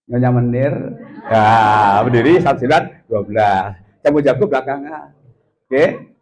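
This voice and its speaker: A man's voice: mid-range voice, unhurried, darkish tone, low-quality recording. A middle-aged man giving a parenting seminar as a professor, joking with the audience, laughing and asking them questions. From Indonesia. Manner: playful, teasing, often laughing with the audience. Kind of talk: lively seminar talk with jokes and audience questions.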